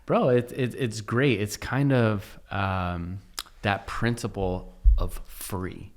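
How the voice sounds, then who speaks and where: Male podcast host, lowish voice, relaxed, agreeable, halting casual chat.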